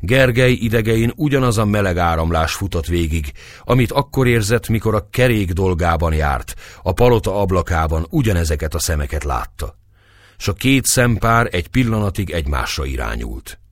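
A man narrating a historical novel as an audiobook, reading in a dramatic, expressive way. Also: low voice, dry recording, studio quality.

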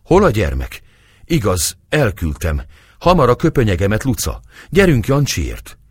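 A man reading an audiobook voicing a desperate young mother who calls out breathlessly, his voice pitched up. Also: wildly swooping pitch, husky, no room sound, clean studio sound, exaggerated voice. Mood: urgent. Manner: breathless, crying out.

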